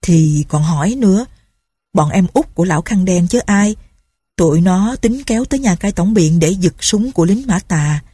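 A woman's voice: on the low side, lively intonation, normal speed, warm tone, breathy edge, no echo. A woman voicing an earnest, scheming teenage peasant boy who pleads and reassures. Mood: urging.

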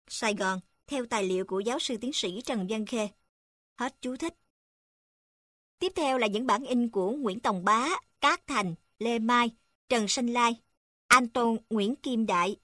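A woman narrating a lesson, reading textbook passages in an even, measured way. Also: fairly high pitch, no echo. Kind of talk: read-aloud textbook narration.

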